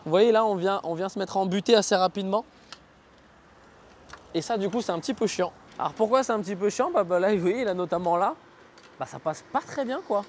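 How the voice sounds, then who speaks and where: A high-pitched male vlogger talks off the cuff as he rides outside. His delivery is informal and slangy, as he thinks out loud. There is faint vehicle and outdoor noise behind him. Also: fairly quick. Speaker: vlogger reviewing an electric scooter. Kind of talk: casual spoken vlog commentary while riding. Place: outdoors, riding on city roads.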